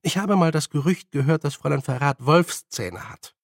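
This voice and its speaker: A man reading an audiobook voices a clever young witch girl who reasons calmly. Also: a little high, normal speed, gravelly, no room sound, clean studio sound. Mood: matter-of-fact.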